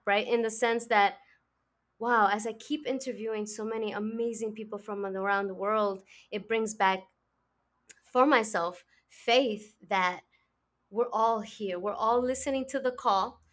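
A woman's voice: a little high, slow, fairly bright tone. Woman, podcast host, effusive, restarts, casual interview chat. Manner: effusive, many restarts and laughs.

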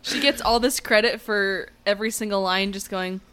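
A woman's voice: medium pitch, fairly even intonation, normal speed, fairly bright tone, slight background noise. A woman co-hosting a film podcast in casual chat, blunt and firmly opinionated. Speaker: podcast co-host.

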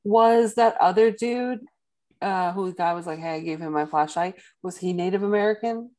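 A woman podcast co-host in casual chat who asks quick, blunt questions. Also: lowish voice, a little mellow.

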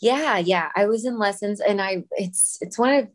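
A woman's voice: medium pitch, normal speed. A woman musician from Los Angeles being interviewed over a video call, talking casually with frequent laughs and ums. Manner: warm, laughs often, many ums. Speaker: musician guest.

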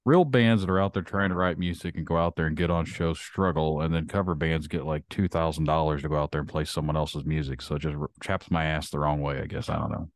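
Low-voiced man ranting bluntly. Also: fairly even intonation, fast talker, few pauses, dry recording. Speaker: podcast host. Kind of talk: casual chat.

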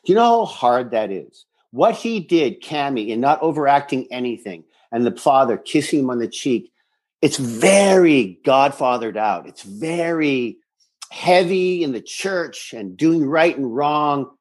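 A man's voice: medium pitch, animated, a little slow, darkish tone. A man co-hosting a casual recap podcast, speaking emphatically and effusively, often repeating his phrases. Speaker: podcast co-host.

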